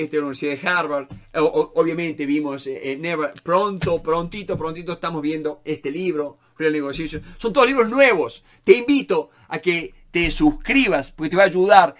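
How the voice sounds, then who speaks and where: A man teaches negotiation to camera in a high, bright-sounding voice. He is animated, repeats words and leans on fillers as he explains. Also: moderate pace. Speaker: negotiation instructor.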